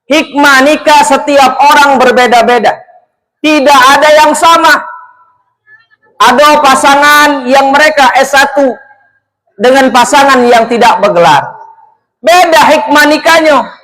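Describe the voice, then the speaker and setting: High-voiced jokey male preacher. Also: measured pace, pauses often, sharp tone, rough recording. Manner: jokey, chatty, addresses the couple directly. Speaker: preacher at a wedding. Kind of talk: humorous wedding sermon.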